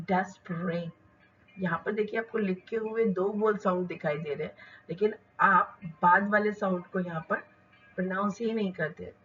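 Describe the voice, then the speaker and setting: A woman teaching English pronunciation, reading words slowly and explaining in Hindi mixed with English terms. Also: lowish voice, muffled recording, slight background noise. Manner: slow, deliberate word-by-word reading. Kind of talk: lesson.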